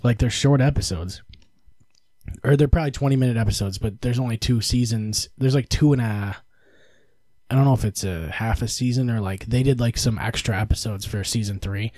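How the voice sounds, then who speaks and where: A man's voice: mid-range voice, a little fast, darkish tone, dry recording. A young adult man co-hosting a podcast in casual chat, laughing often and swearing freely. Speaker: podcast co-host.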